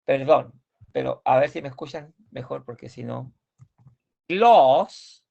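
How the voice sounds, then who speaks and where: A man teaching a language class, slowly explaining pronunciation, repeating words and correcting his students. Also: mid-range voice, little pitch movement, vocal fry, lo-fi sound. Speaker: Swedish teacher.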